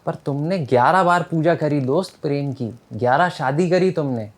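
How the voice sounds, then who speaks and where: A man voicing a smooth-talking male royal envoy who coaxes prisoners in a casual, friendly way. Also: fairly high pitch, moderate pace, pitched above the performer's own voice, close to an everyday voice. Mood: coaxing. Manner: coaxing, casual, calls people friend.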